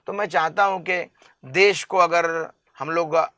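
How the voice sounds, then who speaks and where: A man's voice: on the high side, fairly even intonation, pushed and bright, no echo. A man from India, an interview guest making an impassioned public appeal, earnest and emphatic, stacking up long lists of examples.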